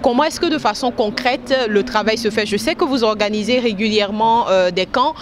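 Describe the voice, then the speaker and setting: A woman's voice: fairly high pitch, fairly quick, noisy background. A woman hosting a web TV show, doing a friendly on-site interview with a few hesitations. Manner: friendly questioning, some hesitations. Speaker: web TV host.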